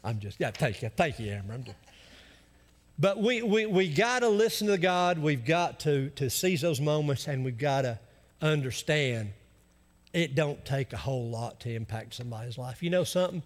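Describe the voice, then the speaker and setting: A man's voice: a little high, animated, normal speed. A man with an Appalachian accent preaching a conversational sermon in a folksy, emphatic way, acting out what people might say. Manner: folksy, emphatic, acts out imagined objections. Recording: reverberant hall.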